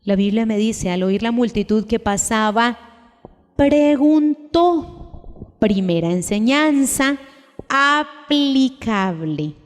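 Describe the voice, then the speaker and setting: A woman delivers a sermon in a slow, deliberate cadence, her fairly high voice pressing questions on the listeners. Her words ring out with a long reverb from a large church hall. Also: animated. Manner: emphatic, asks the congregation repeated questions; slow, deliberate delivery with sudden raised cries. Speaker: preacher.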